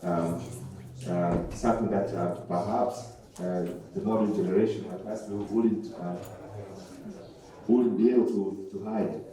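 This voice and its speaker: Low, dark-voiced hesitant man. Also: steady tone, measured pace. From Tanzania. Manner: hesitant, many ums and uhs. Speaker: conference participant. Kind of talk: sharing in a group discussion. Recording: echoey hall, far from mic.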